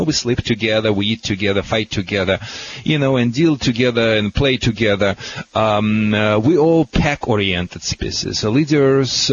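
A man's voice: on the low side, husky. A man from Russia with a Russian accent, chatting on the radio in broken English with blunt, folksy pronouncements. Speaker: dog trainer guest. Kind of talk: casual radio chat. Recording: dull, hissy, noisy line.

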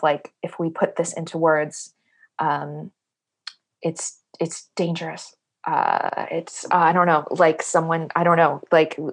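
A playwright from New York with a low voice speaks hesitantly in a thoughtful podcast interview. She uses many fillers and laughs often.

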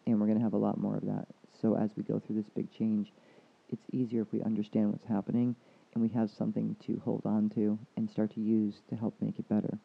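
A man's voice: on the low side, monotone, a little fast, vocal fry, breathy edge. A man hosting a casual podcast as a coach, rambling with many restarts. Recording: dull lo-fi sound.

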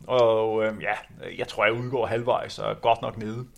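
A man's voice: lowish voice, flat delivery, gravelly. A man who used to run, telling anecdotes in a rambling way with many fillers. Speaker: former runner telling stories. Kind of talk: casual anecdote chat.

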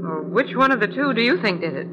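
An actress playing a curious young wife. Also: female voice, medium pitch, animated, fast, close to an everyday voice. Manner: curious, questioning. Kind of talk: 1940s radio acting. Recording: noisy old radio recording.

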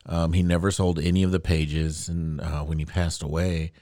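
A man's voice: low-pitched, level tone, normal speed, warm tone, no echo, clean studio sound. A man co-hosting a comics podcast in casual chat, easygoing and explaining details at length. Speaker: podcast co-host.

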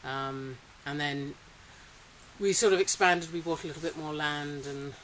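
A woman's voice: low voice, fairly even intonation, measured pace, fairly bright tone, poor audio. Chatty middle-aged woman, faint hiss. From Singapore. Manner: chatty, laughs often, hesitant with fillers. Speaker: interviewee, farmer. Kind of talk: casual interview. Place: polytunnel on a farm. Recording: faint hiss, rain on tunnel.

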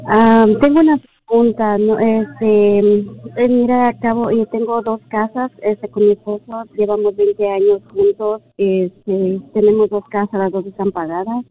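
A woman's voice: fairly high pitch, unhurried. Woman, caller over the phone, thin phone-line sound, hesitant, lots of fillers, middle-aged. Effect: heard over the phone. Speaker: caller to a radio advice show. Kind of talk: casual phone call.

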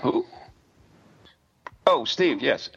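Very gravelly, animated man hosting radio. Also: medium pitch, very slow. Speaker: radio show co-host. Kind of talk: casual chat. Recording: dull lo-fi audio.

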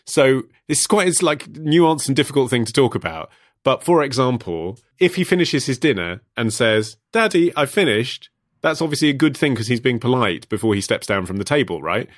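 Man, thirties, casual podcast chat, animated storyteller, lively pitch, dry close sound. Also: a little fast, dry recording.

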